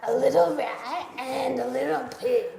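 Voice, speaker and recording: A woman voicing a shy, polite little rat-pig puppet with a gravelly voice, talking softly and hesitantly. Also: high voice, unhurried, exaggerated voice. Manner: soft-spoken, hesitant, giggly. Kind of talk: puppet interview. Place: art museum. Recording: echoey hall with crowd chatter.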